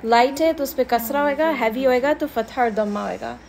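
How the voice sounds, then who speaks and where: Woman teaching a class, patient and slow. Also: on the high side, gravelly, a little mellow. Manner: patient, mixes Hindi-Urdu with English, repeats examples slowly. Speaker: Quran recitation teacher. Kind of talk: class lesson.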